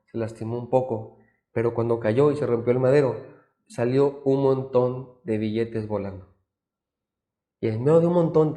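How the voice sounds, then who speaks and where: Pastor, male, mid-pitched, preaching a sermon, emphatic then hushed. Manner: emphatic storytelling, dropping to quiet, soft tones. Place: church, streamed live.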